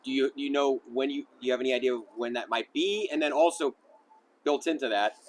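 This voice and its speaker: Give me a mid-pitched man interviewing a guest casually, with faint background noise. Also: quick pace. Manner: casual, rambling questions with restarts. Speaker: news reporter interviewer. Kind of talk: sit-down news interview.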